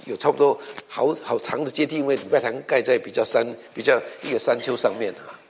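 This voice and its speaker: A man's voice: mid-range voice, fast, a little hiss or hum. A middle-aged male pastor preaching a sermon, telling stories with acted-out dialogue and often repeating words as he goes. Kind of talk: sermon with storytelling.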